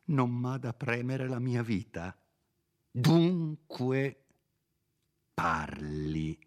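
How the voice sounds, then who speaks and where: A man's voice: mid-range voice, lively intonation, pitched above the performer's own voice. A man voicing an angry young man in an audiobook reading, insistent and threatening. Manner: forceful, insistent, drawn-out words.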